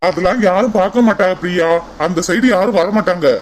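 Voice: mid-range voice, fast talker, a little hiss or hum, natural voice, poor audio. An earnest young man in a cartoon, voiced by an actor, coaxing and reassuring the woman he loves in a Kanyakumari Tamil accent. He keeps repeating her name as he talks her round. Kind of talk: cartoon voice acting.

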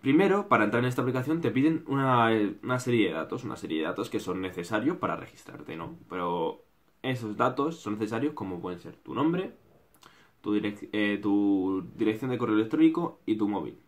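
A man's voice: fairly low pitch, animated, a little fast. A young man with a Spain Spanish accent, ranting to camera in his bedroom in a blunt, mocking vlog style full of swearing. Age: young adult. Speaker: YouTuber. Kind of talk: casual critical rant to camera. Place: small bedroom indoors.

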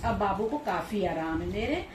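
A woman talking to her pet dogs in casual baby talk while she films, coaxing and scolding them gently and laughing often. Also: medium pitch, lively intonation, normal speed, recorded from a distance. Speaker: pet owner vlogger. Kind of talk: casual vlog, talking to pets. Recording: echoey room, voice off-mic, faint noise.

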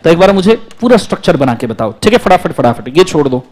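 A man lecturing a classroom on law in energetic Hindi with terms, often calling on students to answer aloud. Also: on the high side, quick pace, a little hiss or hum.

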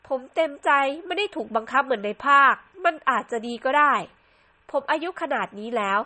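A woman's voice: sits high, expressive, fairly quick, bright, forceful tone, heavily acted. A woman voicing a stern older male judge who talks bluntly and teases, in a Sims storybook drama.

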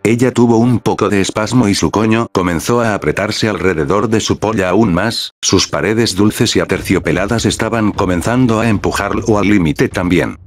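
A man narrating a fan-fiction story in a flat, even reading with no fillers. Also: lowish voice, normal speed, hardly any pauses. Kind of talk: scripted narration. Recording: faint background music.

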